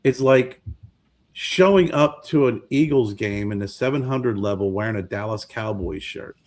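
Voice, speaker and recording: Man in his fifties, low voice, casual podcast chat, rambling, repeats words. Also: expressive, moderate pace. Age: 50s. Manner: rambling, repeats words while searching for them. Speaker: podcast co-host.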